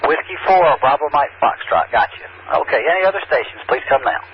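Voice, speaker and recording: A man acting as net control on a ham radio check-in net, heard through a radio transmission with static, calling for stations and reading call signs back in a steady, procedural way. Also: mid-range voice, fairly quick. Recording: muffled radio audio with faint static.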